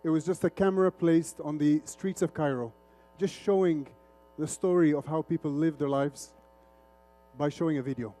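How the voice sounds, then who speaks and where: On stage, a middle-aged man talks informally and interacts with the audience, switching between English and Arabic. An Arabic speaker born in Lebanon and raised in Saudi Arabia, he is a media executive and conference speaker. His voice is fairly high, mellow and steady at a moderate pace, with soft music in the background.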